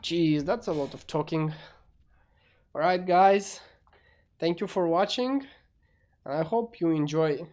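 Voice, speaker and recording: A man's voice: fairly high pitch, slow, long pauses, darkish tone. A man with a muffled voice chatting casually to his viewers as a video creator.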